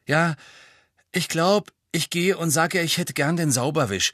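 A man's voice: on the high side, a bit bright, no room sound, studio quality, voice pushed up. A man voicing an eager, hopeful teenage boy in a storybook reading. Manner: eager, hurried.

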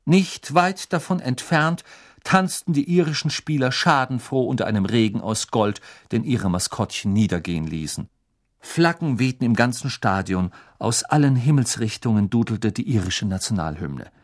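Male audiobook narrator, animated, lively pitch, expressive telling. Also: moderate pace. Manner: expressive storytelling. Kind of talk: scripted narration.

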